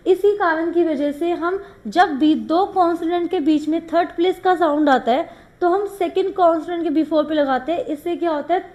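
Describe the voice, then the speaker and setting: A woman's voice: very high-pitched, darkish tone, dull audio. A woman teaching shorthand, explaining rules step by step and mixing English terms into Hindi. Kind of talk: classroom lesson.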